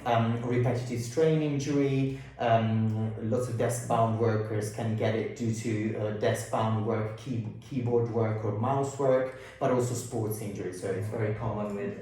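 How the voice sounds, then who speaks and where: A man explaining as a clinician in a halting, informal way, slightly muffled through a face mask. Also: fairly low pitch, fairly even intonation, mellow. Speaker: consultant osteopath and physiotherapist. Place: indoor room at a clinic. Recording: very echoey room, distant mic.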